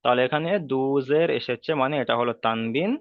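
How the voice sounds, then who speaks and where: A male Quran teacher explains reading rules in a patient, repetitive way and keeps asking his listeners checking questions. He draws out the Arabic sounds slowly when he demonstrates them. His voice sits at a middle pitch and comes through dry and tinny, like a phone line. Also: smooth, dry recording. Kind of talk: online tajweed lesson.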